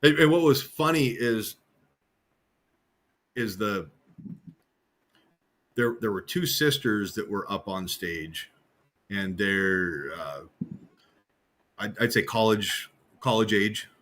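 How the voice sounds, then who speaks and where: A man with a lowish voice telling stories from his hypnosis shows on a video call. He stammers over his openings and then gets animated as the anecdote builds. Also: slow, long pauses. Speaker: stage hypnotist co-host. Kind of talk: casual storytelling chat. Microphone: online video call.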